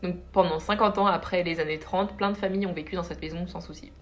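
A young woman telling a ghost story to friends in a casual, lively way, with dramatic pauses. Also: on the low side.

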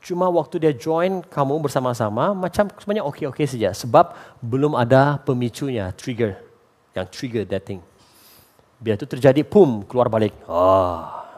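A man preaching a lively sermon as a pastor, slipping English phrases into his talk. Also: mid-range voice. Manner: acts out quoted voices for humor.

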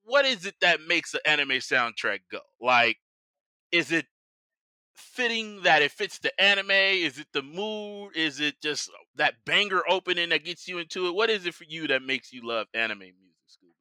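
An American man with a very bright, forceful voice that sits a little high, hosting a podcast. He talks in loose slang with hype-man flourishes, and the sound is close and dry. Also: expressive, moderate pace, no room sound. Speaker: podcast host. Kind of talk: casual chat.

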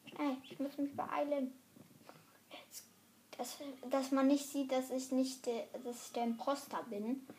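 A woman commenting live on her online game in German, excitable and swearing, often dropping to a whisper. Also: high-pitched, unhurried, slight background noise. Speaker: gamer.

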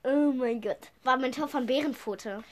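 A woman's voice: high-pitched, normal speed, a crowd in the background. A young woman co-hosting a podcast in playful casual chat, reading clues aloud and laughing often. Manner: playful, bursts of laughter, reads descriptions aloud. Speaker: podcast co-host. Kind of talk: casual chat, quiz banter.

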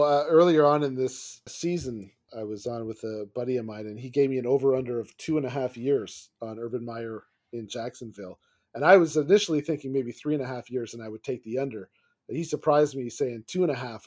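A man with a fairly high voice co-hosts a casual sports podcast. He talks in long stretches, restarting his phrases often. He gets worked up and laughs when something riles him. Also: a little mellow. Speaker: podcast co-host.

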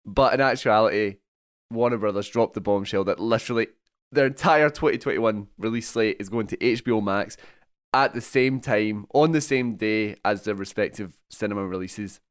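A young Scottish man hosts a film podcast, chatting and rambling casually while joking and laughing often. His fairly low, smooth voice moves at a moderate pace, and the studio recording is clean with no echo.

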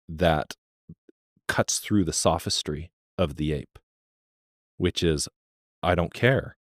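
A man's voice: deep voice, darkish tone, no echo, clean studio sound. A man co-hosting a podcast, explaining his thoughts on a book in a thoughtful, casual way. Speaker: podcast co-host.

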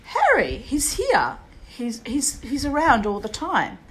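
A woman voicing her elderly Polish mother-in-law, soft and affectionate, calling others darling. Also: high voice, wildly swooping pitch, slow, voice pushed up, exaggerated voice. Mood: insistent. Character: elderly Polish widow, tender and matter-of-fact.

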